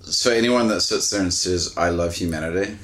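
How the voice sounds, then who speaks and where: Casting: low-pitched male co-host, dry, teasing, questioning. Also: fairly quick, a bit bright. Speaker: podcast co-host. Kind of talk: casual chat.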